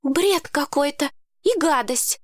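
Woman doing a high, bossy girl, scolding, excitable, audiobook. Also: slow, dry recording, clean studio sound. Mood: indignant. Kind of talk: audiobook character voice.

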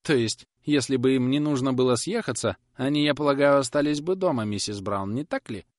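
A man's voice: mid-range voice, fairly quick, no echo, clean studio sound, pitched above the performer's own voice, lightly acted. A man playing a nervous young knife-grinder who pleads and dodges questions in a storybook reading. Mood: evasive. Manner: whining, pleading.

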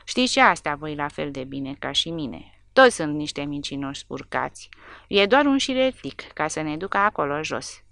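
A hateful soldier rants harshly, as a woman narrator voices him. The voice is low and the sound is close and dry. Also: big pitch swings, gravelly, a bit bright, dry recording, heavily acted. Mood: furious. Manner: harsh, ranting. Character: hateful, violent male soldier, bellowing.

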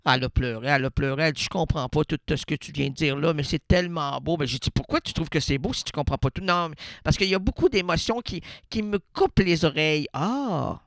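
Québécois radio guy doing absurd improv, kinda high voice, dry close mic, goofy and rambly. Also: quick pace, few pauses, fairly bright tone, no echo. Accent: Québécois French. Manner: playful, rambling, laughs at his own jokes. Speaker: radio host.

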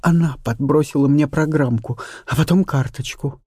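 A man's voice: on the high side, moderate pace, warm tone, no room sound, clean studio sound, pitched above the performer's own voice, lightly acted. A man voicing a frightened young actress. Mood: insistent. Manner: trembling, breathless, half-whispered. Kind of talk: audiobook character reading.

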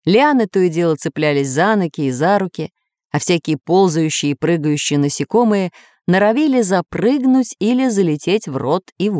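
A woman's voice: on the low side, a little mellow, no room sound, studio quality. A woman expressively reading a children's adventure story aloud.

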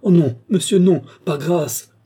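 A man's voice: fairly low pitch, steady tone, moderate pace, dark tone, husky. A man voicing a frightened young man in an audiobook, pleading and protesting his innocence. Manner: pleading, stammering.

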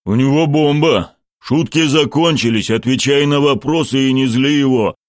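A man's voice: mid-range voice, moderate pace, no echo, clean studio sound, pitched above the performer's own voice, close to an everyday voice. A man voicing a male general barking curt orders in an audiobook. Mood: commanding. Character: commanding male general on a radio.

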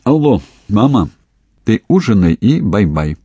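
A man voicing a calm, wry young police investigator with a dry, ironic manner, in an audiobook. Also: lowish voice, a little slow, slightly rough, no room sound, voice pushed up, exaggerated voice.

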